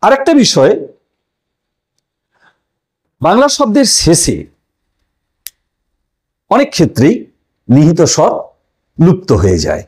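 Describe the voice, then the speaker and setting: Animated high-voiced male teacher. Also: slow pace, pauses often, slightly rough. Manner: asks questions then answers them, stressing key words; addresses viewers as friends. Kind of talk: explanatory language lesson.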